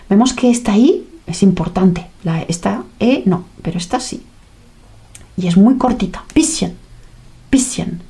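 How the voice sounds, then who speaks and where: A woman leads a language lesson at an unhurried pace, taking her time over each word. She keeps it playful, acting out sounds and small reactions to make the words stick. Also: medium pitch, dark tone. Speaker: language teacher. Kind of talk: teaching lesson.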